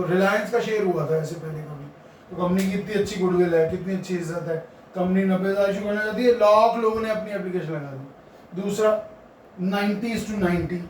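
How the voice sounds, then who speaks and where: A man with a high voice lectures on accounting, firing questions at his students and answering them himself. He hammers key terms home by repeating them. He is picked up from far off in a very echoey room with a faint hiss of background noise. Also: a little mellow. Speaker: accounting teacher. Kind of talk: classroom lecture.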